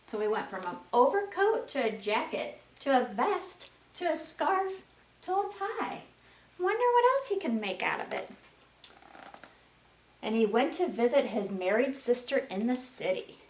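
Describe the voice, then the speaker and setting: Her voice sits on the high side, moving through big pitch swings at a measured pace as she reads aloud to small children in a sing-song way and poses questions to them. The sound is roomy, captured from a distance with slight noise.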